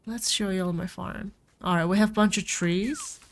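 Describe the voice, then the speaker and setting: A woman with a cold streams a farming game, speaking in a mid-range voice at an ordinary speed as she rambles casually to her audience. Faint game music plays behind her.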